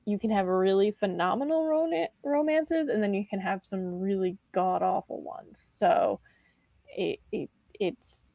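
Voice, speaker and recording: A woman's voice: mid-range voice, vocal fry, no room sound, lo-fi sound. A woman chatting casually with a friend on a video call, restarting her sentences often. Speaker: readathon co-host.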